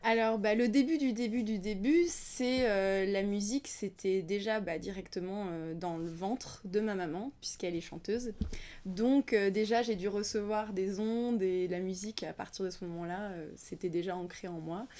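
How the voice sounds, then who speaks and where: In this casual interview, a young adult singer and voice teacher, raised in France by a Ukrainian family, talks at a moderate pace in a dark, medium-pitched voice over slight background noise. Her delivery is reflective and full of fillers, occasionally dropping almost to a whisper.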